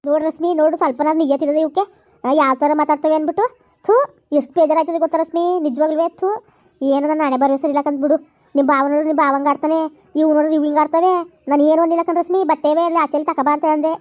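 A woman's voice: high voice, fairly even intonation, fast, dull audio, natural voice. A woman with a rural Karnataka Kannada accent, playing an aggrieved, quarrelsome village mother who complains and laments in rhetorical questions.

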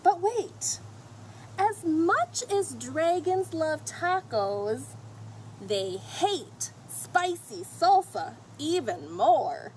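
An extremely high-pitched, extremely slow voice belongs to a middle-aged woman reading a picture book to children. Expressive and emphatic, she addresses the kids and characters head-on. She sits outdoors on a fenced patio or deck, recorded by a camera a short way off with faint noise.

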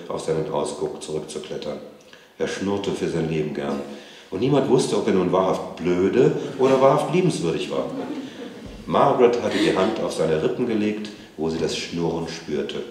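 A man with a very low voice reads a novel aloud at a literary event in a museum. His reading is calm and measured. The sound carries a strong echo from the room. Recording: echoey room.

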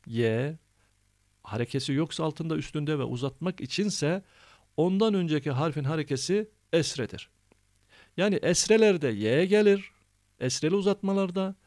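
A man's voice: fairly high pitch, gravelly, darkish tone. A man teaching Quran reading, patiently repeating rules and drilling syllables one by one. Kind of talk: step-by-step reading lesson.

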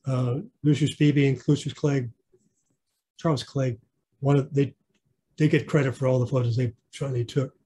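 A man's voice: mid-range voice, warm tone, a little hiss or hum. A man giving a casual online slideshow clinic about his model railroad, rambling with fillers and restarts. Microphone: video call.

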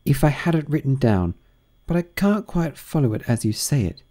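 A man's voice: a little high, big pitch swings, moderate pace, warm tone, pitched above the performer's own voice. A man voicing a polite, curious young girl who speaks earnestly in a lightly raised voice. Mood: musing, polite.

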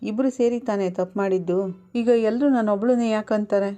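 A woman's voice: mid-range voice, a little fast, mellow, close to an everyday voice. A woman voicing an upset young wife who complains of being left alone to blame. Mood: hurt. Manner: complaining, hurt.

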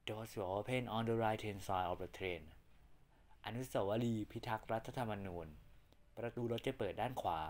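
Male train announcement voice, calm and unhurried, slightly low, formal and evenly paced. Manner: formal, measured, evenly spaced phrases. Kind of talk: pre-recorded train station announcement.

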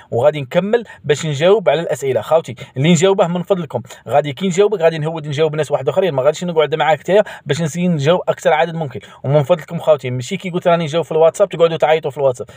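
A man's voice: fairly high pitch, darkish tone, dry recording, clean studio sound. A man with an Algerian Arabic accent giving casual visa advice to his viewers, repeating points and calling them brothers. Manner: rapid, repetitive, addresses viewers as brothers. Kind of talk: casual direct-to-camera advice.

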